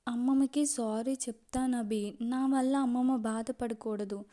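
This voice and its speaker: A woman's voice: a little high, steady tone, a little slow, mellow, lightly acted. Woman voicing a sobbing young woman pleading. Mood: tearful pleading. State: crying, voice breaking. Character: tearful young woman begging forgiveness.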